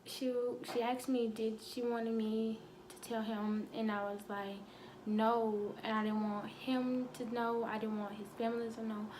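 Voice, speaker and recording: A young woman telling a painful personal story, halting with many fillers and fighting back tears. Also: on the high side, a little mellow, a little hiss or hum. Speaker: vlogger.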